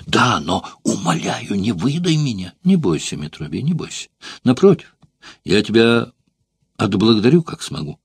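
A man voicing a hushed, jealous Greek courtesan. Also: mid-range voice, very animated, normal speed, vocal fry, slightly rough, dry recording, studio quality, exaggerated voice. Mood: grim. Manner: hushed, pleading and intense. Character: passionate young Greek courtesan woman, coaxing and jealous. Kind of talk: audiobook character voicing.

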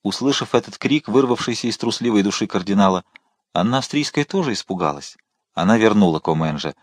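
A male narrator reading a historical novel aloud with steady expression. His voice is on the low side. The recording is dry and close. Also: fairly quick, no room sound. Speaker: audiobook narrator. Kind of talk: scripted narration.

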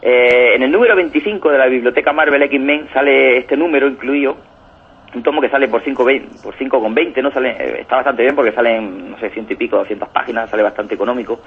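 Fast husky man, tinny phone sound. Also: medium pitch. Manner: enthusiastic, rambling, keeps tagging "¿no?". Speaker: comics reviewer on a radio show. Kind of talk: casual radio chat. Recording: tinny phone-like radio audio.

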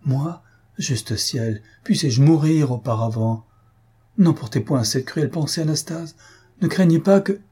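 A man's voice: mid-range voice, normal speed, warm tone, slightly rough, pitched above the performer's own voice, lightly acted. A man voicing an emotional young countess who pleads in a raised, lilting voice, read from a classic novel. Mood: tearful pleading. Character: young countess, tender, tearful, highly emotional.

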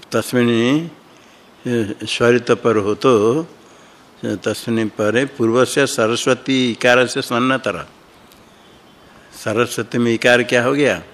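A man teaching Sanskrit grammar in a slow classroom explanation. He thinks aloud, often stopping to repeat and correct himself. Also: mid-range voice.

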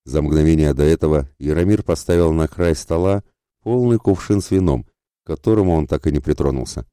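A man narrating an adventure audiobook in a steady, measured storytelling manner. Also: rumbling low, clean tone, no echo, studio quality. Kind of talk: scripted narration.

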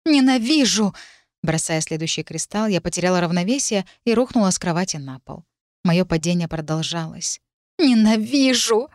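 A woman reading an audiobook voices a hot-tempered, stubborn young woman student who shouts in a raised pitch. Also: a little fast, no echo, studio quality, lightly acted. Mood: furious sobbing.

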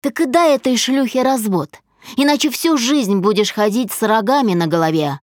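A woman's voice: on the high side, expressive, moderate pace, dry recording, studio quality, lightly acted. A woman voicing a young wife who answers her husband tensely and defiantly.

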